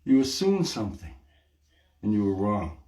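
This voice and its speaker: Animated older man in an echoey hallway. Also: lowish voice, normal speed. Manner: animated, folksy, talks straight to viewers. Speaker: podcast host. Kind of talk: casual livestream monologue. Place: hallway at home, by a staircase. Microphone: phone or camera propped on a stand. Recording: echoey hallway with music playing.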